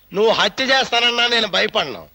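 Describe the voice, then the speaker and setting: A mocking, meddling uncle. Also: male voice, high-pitched, noisy background. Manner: mocking, accusatory. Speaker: supporting actor in a film. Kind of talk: film comedy dialogue.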